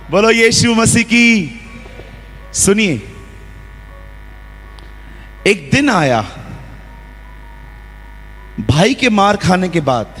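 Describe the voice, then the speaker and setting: A man preaching a lively sermon in a church, acting out quotes and scenes as he goes. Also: on the high side. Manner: lively preaching with acted-out quotes and role-play. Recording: long hall reverb.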